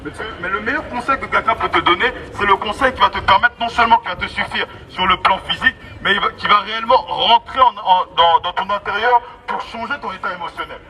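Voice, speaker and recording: This man's voice sits high, and he talks fast with hardly any pauses while crowd noise rises around him. He is delivering an emphatic, repetitive, exhorting evangelistic street sermon over a megaphone outdoors on an urban street, captured from a distance amid traffic.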